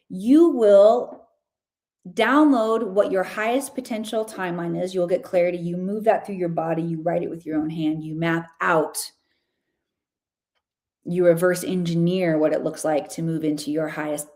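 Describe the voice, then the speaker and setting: A woman's voice: lowish voice, a little mellow. A woman hosting a podcast, giving an enthusiastic, chatty spiritual reading with casual slang. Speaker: podcast host and Akashic reader.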